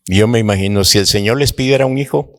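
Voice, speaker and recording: A man preaching a sermon to his congregation, slow and dramatic, rising to impassioned outbursts. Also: fairly low pitch. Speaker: apostle, preacher.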